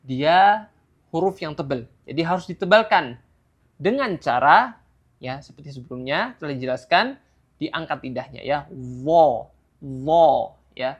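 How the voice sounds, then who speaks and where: A patient recitation teacher walks through a tajwid lesson, modelling each sound slowly and often checking in with "ya". The voice sits at a middle pitch, and the recording is a little dull and lo-fi. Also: slightly rough.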